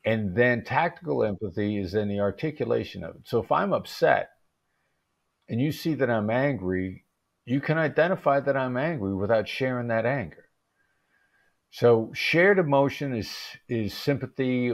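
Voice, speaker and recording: A man as an interview guest, explaining calmly and in measured terms, with occasional restarts. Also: mid-range voice, vocal fry. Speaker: interview guest, negotiation expert.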